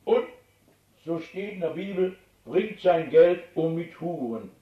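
A man's voice: fairly high pitch, unhurried. A man preaching a sermon as pastor, telling stories and speaking straight to his congregation. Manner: animated storytelling preacher, addressing the congregation directly. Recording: roomy, distant, dull old recording.

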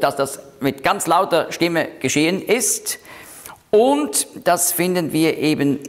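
A man leading a Bible study, explaining verses slowly and deliberately, with frequent hesitations. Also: a little high.

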